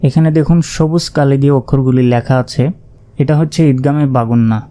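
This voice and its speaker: A man teaching Quran recitation, slowly spelling out Arabic letters and vowel marks one by one and now and then chanting verses with stretched-out sounds. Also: mid-range voice, mellow, smooth.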